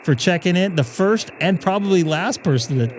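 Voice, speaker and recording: A man's voice: high voice, animated, normal speed. Chatty man over radio room static. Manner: chatty and self-mocking, talking to himself on air. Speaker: ham radio net control operator. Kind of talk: casual live stream chat between radio calls. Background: radio static and ambient hiss.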